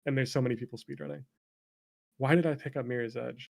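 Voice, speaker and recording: Here a former speedrunner turned streamer chats as an interview guest, telling casual stories at a fast clip. His mid-range voice has a level tone, vocal fry, and a slightly mellow quality, and he's self-deprecating, informal, and leans on "like."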